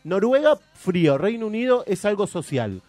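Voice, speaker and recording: A man's voice: high voice, very animated, normal speed, darkish tone, no echo, soft background music. A young man with an Argentine Spanish accent presenting a segment on a radio show, chatty and teasing in casual banter. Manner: chatty, teasing, often interrupted.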